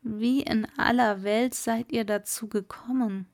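A woman's voice: fairly even intonation, measured pace. A woman doing a meek, polite fisherman. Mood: wary. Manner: soft, lowered, deferential.

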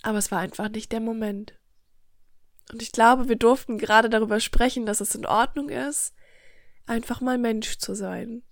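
A woman's voice: on the high side, fairly even intonation, moderate pace, dry recording, studio quality. A woman hosting a motivational self-help podcast, speaking earnestly and directly to the listener. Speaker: podcast host. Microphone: studio microphone.

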